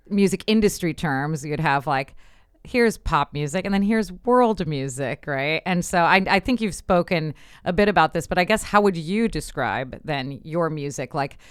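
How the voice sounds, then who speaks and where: A woman's voice: sits low, clear, resonant tone, no echo, studio quality. A woman hosting an interview podcast, engaged and affirming, who lays out ideas at length. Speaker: podcast host. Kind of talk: conversational interview.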